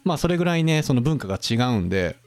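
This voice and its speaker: A man's voice: on the high side, rapid-fire, dry recording, faint music behind. A man hosting a casual podcast, explaining topics to his co-host in a chatty, quizzing manner. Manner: lively, quizzes his co-host, drops into playful impressions.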